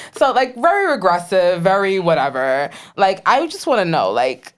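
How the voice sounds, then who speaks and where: A woman in her thirties co-hosting a casual podcast chat, telling stories and acting out the voices she quotes. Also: lowish voice. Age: 30s. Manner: animated storyteller, acts out quoted voices. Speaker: podcast co-host.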